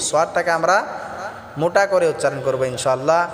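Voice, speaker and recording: A man teaching Quran recitation, switching between slow melodic chanting of verses and brisk spoken explanation. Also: fairly high pitch. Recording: echoey reverberant room with background music.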